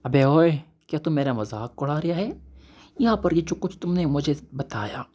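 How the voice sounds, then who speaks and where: A man's voice: on the high side, expressive, normal speed, dark tone. A man voicing a confused, exasperated young male hero in a story recap, whiny and pleading. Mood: annoyed.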